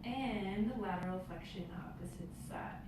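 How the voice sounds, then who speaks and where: A woman leads yoga through a headphone mic in a very echoey room. She sounds set back from the mic, with clear noise around her medium-pitched voice, giving movement and breathing cues in short phrases. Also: a little slow, recorded from a distance. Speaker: yoga instructor leading movement exercises. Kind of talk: guided yoga instruction, first-person cues. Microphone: headphones used as mic.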